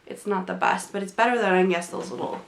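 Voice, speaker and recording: A young beauty vlogger reviews makeup from a small room at home, talking fast and rambling casually with lots of fillers and restarts. Her medium-pitched, fairly even voice is creaky and a bit congested from a cold. The recording is reverberant with slight hiss or hum.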